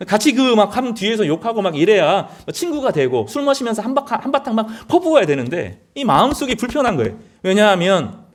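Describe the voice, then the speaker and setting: A middle-aged male pastor giving a sermon in an earnest, conversational way, often rising to emphatic peaks. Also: high-pitched.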